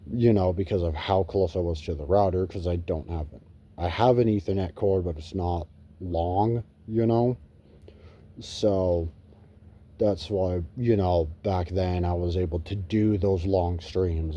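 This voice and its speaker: A gaming YouTuber chats casually and rambles to his viewers, recording on his phone and swearing casually. His low, mellow voice moves at a measured pace, with lo-fi sound.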